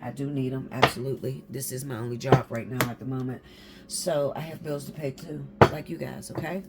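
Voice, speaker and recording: A woman's voice: rumbling low, steady tone, brisk, over loud music. A woman giving a casual tarot reading to her viewers, blunt and swearing freely, often checking in with "okay?". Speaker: tarot reader.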